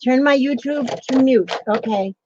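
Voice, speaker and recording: A fairly high-voiced woman chatting on a live stream. Her voice doubles back as an echo from a second device. The sound is dull and lo-fi, and she seems a little off the mic. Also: moderate pace, background noise. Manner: chatty, checking her settings aloud. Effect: her voice echoing back from a second device playing the stream. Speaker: crafter co-hosting a live stream. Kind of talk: casual live-stream chat.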